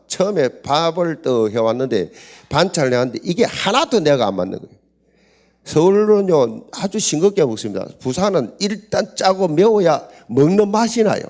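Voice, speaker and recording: Older man, Busan accent, slightly high voice, animated storytelling pastor. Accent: Gyeongsang (Busan). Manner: animated storytelling, acts out quoted voices, laughs often. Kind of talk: humorous seminar talk.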